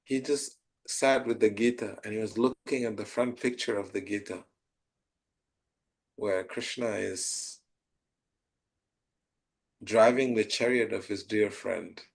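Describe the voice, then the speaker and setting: Gravelly-voiced man telling a spiritual story. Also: on the low side, steady tone. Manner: slow, tender storytelling with soft trailing phrases. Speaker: spiritual teacher. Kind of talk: storytelling answer to a question.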